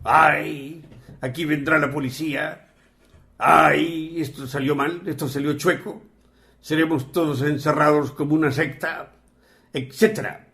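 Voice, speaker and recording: A stern spiritual master barks commands and demands respect, voiced by a man retelling the scene. The voice sits at an ordinary male pitch and rises into forceful orders. It is a plain everyday voice brought to a story. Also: lively intonation, unhurried, long pauses, lightly acted. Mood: probing calm.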